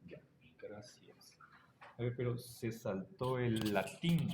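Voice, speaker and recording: Slow, deliberate male teacher. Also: medium pitch, background noise. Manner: slow, deliberate, checks understanding with frequent "¿sí?". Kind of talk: classroom lecture.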